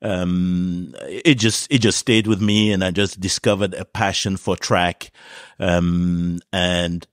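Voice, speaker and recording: A man in his fifties, originally from Cameroon, talks through his story in an easy, unhurried interview style, full of small fillers. His voice sits on the low side. The sound is dry and close, with no room around it. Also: no echo. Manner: relaxed storytelling with frequent fillers. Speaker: podcast guest. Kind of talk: casual interview talk.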